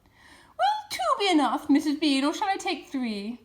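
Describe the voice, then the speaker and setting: A woman's voice: high-pitched, huge pitch swings, a little slow, pitched above the performer's own voice, exaggerated voice. A woman voicing a big, bloodthirsty but obedient female farmhouse servant in a storybook, calling out and grumbling. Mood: dutiful.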